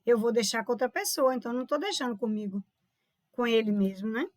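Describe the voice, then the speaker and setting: High-voiced Brazilian woman teaching grammar. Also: lively intonation, fast talker, darkish tone, no echo, studio quality. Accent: Brazilian Portuguese. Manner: explanatory, keeps checking in with "tá vendo?" and calls viewers "povo lindo". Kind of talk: online grammar lesson solving exam questions.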